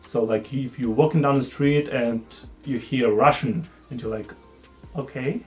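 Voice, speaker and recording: In a relaxed talking-head vlog, a young man who is a native Ukrainian speaker chats with a friendly, self-mocking tone and an accent. His mid-range voice is a little slow and slightly mellow, with faint background music.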